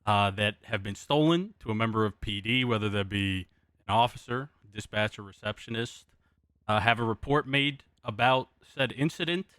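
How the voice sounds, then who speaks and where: A man with a low, crisp-edged voice role-plays a lawman. He talks plainly and casually, with halting phrasing, in a dry, echo-free sound. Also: a bit bright. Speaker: streamer role-playing an acting sheriff as witness. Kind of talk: improvised role-play testimony and casual commentary.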